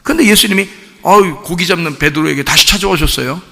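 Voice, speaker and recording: A man's voice: fairly high pitch, quick pace, creaky, sharp tone. A man preaching a Sunday sermon in a church, asking the congregation questions and acting out the quoted lines. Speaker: pastor. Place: church sanctuary. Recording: church hall reverb.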